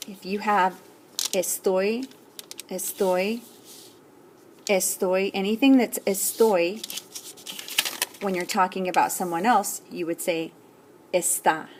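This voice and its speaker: A woman teacher slowly explaining an assignment to students step by step, often checking in with "okay?". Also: medium pitch, vocal fry. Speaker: Spanish teacher. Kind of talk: recorded classroom lesson.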